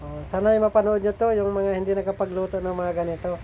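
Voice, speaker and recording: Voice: mid-range voice, fairly even intonation, quick pace, warm tone, a little hiss or hum. Chatty middle-aged vlogger, slightly nasal. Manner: chatty, keeps asking the viewers for agreement. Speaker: food vlogger. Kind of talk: casual eating and cooking vlog.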